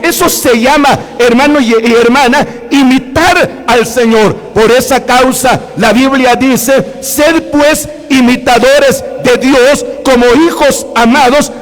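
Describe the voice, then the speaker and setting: A man with a Guatemalan Spanish accent preaching a sermon in a church hall, emphatic and repetitive, often calling out to the brothers and sisters. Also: very high-pitched. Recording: long hall reverb.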